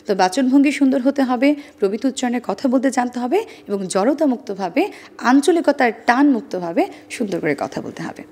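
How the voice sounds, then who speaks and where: A woman guest in an interview, explaining how to pronounce words, with careful, precise diction and a measured, deliberate delivery. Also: on the high side, animated, mellow, husky. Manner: careful, precise standard pronunciation, demonstrating sounds. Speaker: interview guest on speech and pronunciation.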